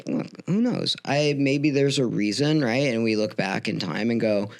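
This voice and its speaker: A man with a creaky vocal fry, chatting casually in a rambling, slangy way. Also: mid-range voice, moderate pace. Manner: rambling, hesitant, slangy storytelling. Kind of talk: casual chat.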